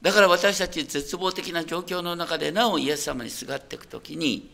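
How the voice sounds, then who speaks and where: A man's voice: on the high side, fairly quick, vocal fry, pushed and bright. A man preaching a sermon as a pastor. He talks in a conversational way, puts questions to the listeners and often checks that they are following.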